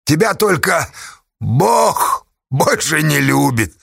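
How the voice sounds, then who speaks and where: A sly outlaw with a devil's grin, as a male reader plays him, jeering in a raised, gravelly voice that swings wide and lively. He is loud and accusing, his taunts landing hard in a bright, husky tone. It is a storybook villain, close and dry. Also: a little high, takes it slowly, no room sound, heavily acted. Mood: mocking.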